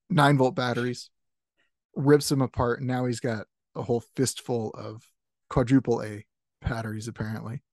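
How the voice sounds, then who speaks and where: A man spins an improvised comic story at an easy, unhurried pace, laughing often as he rambles along. His voice sits close and dry, with no room around it. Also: medium pitch, creaky, a little mellow, dry recording.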